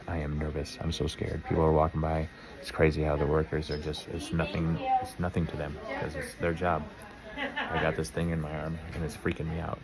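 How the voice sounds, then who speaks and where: A vlogger in his fifties records a nervous, rambling, self-deprecating video diary on his phone, starting in a car and moving to a hospital room. His voice is very deep and creaky.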